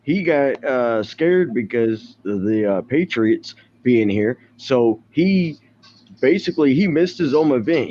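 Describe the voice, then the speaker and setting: A man's voice: medium pitch, mellow, highs cut off, a little hiss or hum. A man from Louisville, Kentucky on a stream call, ranting in a mocking, heated way. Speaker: live stream caller. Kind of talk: casual ranting chat.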